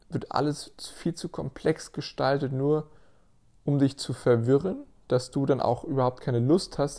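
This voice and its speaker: German guy, fitness podcast host, mellow low-key tone, talks right at you, keeps restarting sentences. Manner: earnest, motivational, addresses listener directly, many restarts. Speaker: podcast host, personal trainer and physiotherapist. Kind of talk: casual solo podcast monologue.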